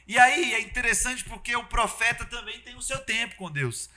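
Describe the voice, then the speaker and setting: A man preaching a sermon in an animated, conversational way. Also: very high-pitched, moderate pace. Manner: animated, conversational preaching with acted-out quotes and sudden loud bursts.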